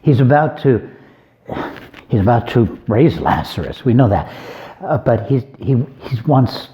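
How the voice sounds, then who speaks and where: A man's voice: mid-range voice, lively intonation, a little slow, dull audio. A man, an abbot, giving an informal homily on a Gospel reading, conversational and folksy, with joking asides.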